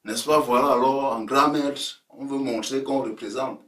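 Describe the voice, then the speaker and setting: Man, comic storyteller, mid pitch, distant mic in an echoey room. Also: normal speed. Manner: lively, slangy, punchy asides to listeners. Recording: roomy sound from a distant mic.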